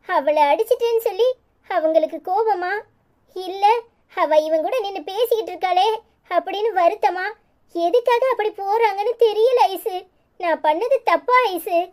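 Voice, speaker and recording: A woman with an extremely high yet darkish voice plays a hot-tempered, anxious young wife in a cartoon. She speaks with a Tirunelveli Tamil accent, scolding and fretting.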